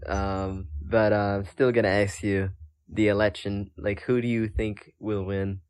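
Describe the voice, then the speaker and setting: A man's voice: fairly low pitch, level tone, a little slow, a little mellow, clear, resonant tone. A young man hosting a casual podcast chat over a voice call, hesitant, with many ums and laughs. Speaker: podcast host.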